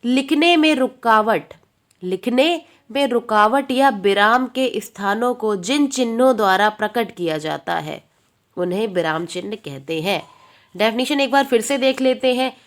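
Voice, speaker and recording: Woman teacher going over exam stuff, fairly high voice, keeps repeating and answering her own questions. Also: expressive, measured pace. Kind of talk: exam-prep classroom lesson.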